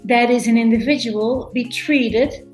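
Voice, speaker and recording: Interviewed casually as a guest, a middle-aged woman from Belgium who works as a veterinarian and animal chiropractor talks a little slowly, with fairly even intonation and a fairly high, darkish voice. She frequently restarts and repeats words. Faint music plays in an echoey room.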